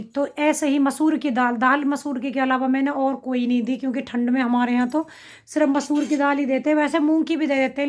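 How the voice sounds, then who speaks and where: Chatty woman vlogger with a slight cough. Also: high voice. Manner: chatty, rambling daily account with asides to viewers. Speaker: family vlogger. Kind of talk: casual vlog talk to camera.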